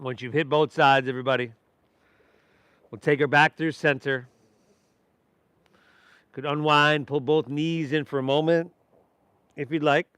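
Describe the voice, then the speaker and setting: Male yoga instructor, clear resonant voice on the higher side, dry close sound, easygoing and encouraging. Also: steady tone, measured pace, pauses often, fairly bright tone, dry recording. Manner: encouraging, easygoing, addresses the class informally. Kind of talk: guided yoga class instruction.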